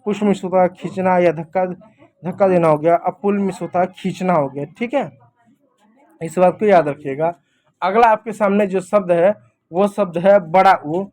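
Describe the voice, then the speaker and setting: A man's voice: sits high, darkish tone. A man teaching a simple lesson in a casual classroom manner, explaining step by step and checking in with "thik hai" often.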